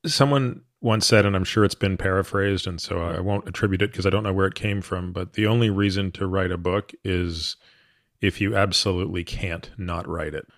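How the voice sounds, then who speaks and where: Very deep-voiced man hosting a podcast. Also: steady tone, normal speed, dry recording, studio quality. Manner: long, discursive questions full of hedges. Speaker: podcast host. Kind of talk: long-form podcast interview.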